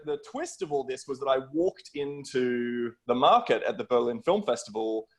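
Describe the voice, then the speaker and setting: On a video call, a middle-aged film producer with an Australian accent is the guest, recounting things in a conversational, story-driven way. His voice is medium in pitch.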